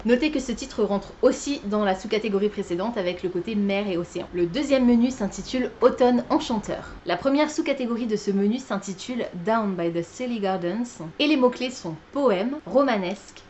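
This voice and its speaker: A woman's voice: mid-range voice, a little mellow, dull audio, a little hiss or hum. A tired woman chatting casually about her reading list as a book vlogger, with many fillers and self-corrections. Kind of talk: casual chat.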